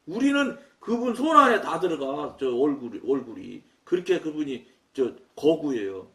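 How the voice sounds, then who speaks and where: A man preaching a sermon, telling a story in an animated, loud way and acting out his own quoted words. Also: on the high side, normal speed. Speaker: pastor. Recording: echoey room, mic at a distance.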